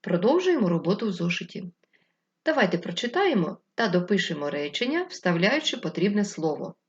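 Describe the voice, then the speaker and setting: A Ukrainian woman teaching first graders, slowly dictating words and repeating them syllable by syllable. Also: lowish voice, big pitch swings, muffled recording. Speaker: primary school teacher.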